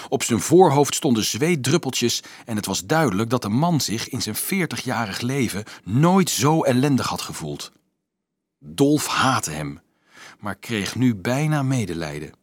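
A man reading a novel aloud in an expressive, storytelling way. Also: medium pitch, slightly rough, no echo, clean studio sound. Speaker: audiobook narrator. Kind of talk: scripted narration.

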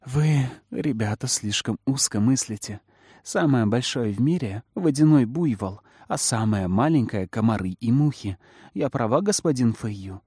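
A man reading a storybook aloud and voicing a gentle young girl sure she is right. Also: medium pitch, expressive, normal speed, slightly rough, dry recording, clean studio sound. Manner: gentle, soft.

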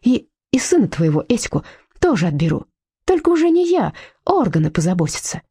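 Woman voicing a feisty sharp-tongued heroine. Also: medium pitch, very animated, fairly quick, breathy edge, no room sound, studio quality, voice pushed up. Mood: defiant. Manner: sharp-tongued, defiant, tender with her dog. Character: feisty bold woman, defends her dog.

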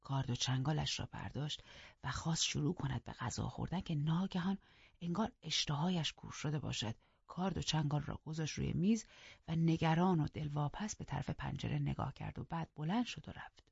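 Husky audiobook narrator, dull recording. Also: mid-range voice, no room sound. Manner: measured storytelling, hushed at times. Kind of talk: first-person novel narration.

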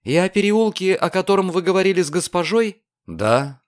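A man's voice: high voice, lively intonation, moderate pace, pitched above the performer's own voice. A man playing a curt, defiant young maid. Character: sharp proud young red-haired maid.

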